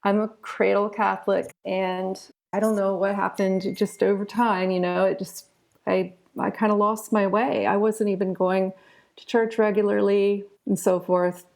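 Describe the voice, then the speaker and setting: A woman in her forties from southern Ohio, with an American accent, tells her own story as an interview guest, a retired physician who became an author. Her mid-range voice is level, unhurried and darkish, with vocal fry. She speaks informally and candidly, often adding "you know."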